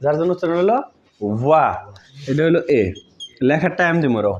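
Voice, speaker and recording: Guy teaching grammar, kinda high voice, slightly muffled audio. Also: fast talker. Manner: conversational, asks pupils checking questions. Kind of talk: informal classroom explanation.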